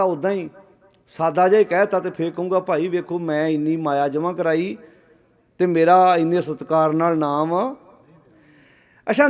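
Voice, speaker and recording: A man's voice: sits high, a little mellow. A man giving a Sikh sermon, asking rhetorical questions and calling on the congregation to answer aloud. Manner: calls on the audience to answer aloud. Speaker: Sikh preacher.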